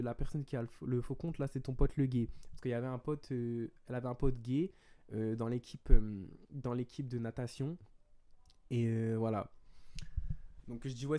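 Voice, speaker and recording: A young man from France chats through a storytime vlog. He is animated and talkative, and he slips into the voices of the people in his story. His tone is warm and mellow at a middle pitch. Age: young adult. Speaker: vlogger. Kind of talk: casual storytime.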